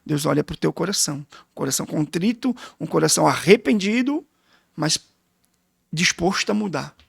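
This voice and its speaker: A man's voice: fairly high pitch, lively intonation, normal speed, creaky, slightly rough, dry recording, studio quality. A middle-aged man with a Brazilian Portuguese accent, a guest pastor telling an emotional testimony full of quoted dialogue in a casual interview.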